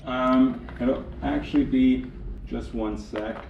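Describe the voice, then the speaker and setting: A man in his thirties doing an in-home solar sales appointment, chatty and upbeat, rattling off terms quickly. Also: mid-range voice, steady tone, lo-fi sound. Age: 30s. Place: indoors in a home living room. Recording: echoey room, distant mic, noisy.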